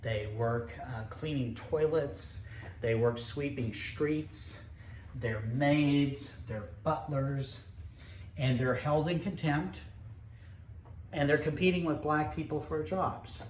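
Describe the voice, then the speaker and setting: A man giving a history lecture, explaining events in a measured storytelling way with occasional hesitations. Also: fairly high pitch, fairly even intonation. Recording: echoey room with faint background noise.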